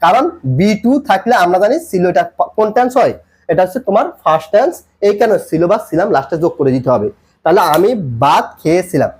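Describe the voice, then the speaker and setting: A man's voice: high voice, animated, quick pace, darkish tone, breathy edge. A man teaching English grammar in a tutorial lesson, repeating points and quizzing the viewer with questions as he explains.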